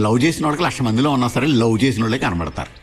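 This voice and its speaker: An actor playing a sarcastic friend in a film who teases and hands out advice about love. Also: male voice, mid-range voice, animated, racing, natural voice. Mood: teasing. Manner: sarcastic, teasing, advice-giving. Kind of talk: film dialogue. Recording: film soundtrack with loud music.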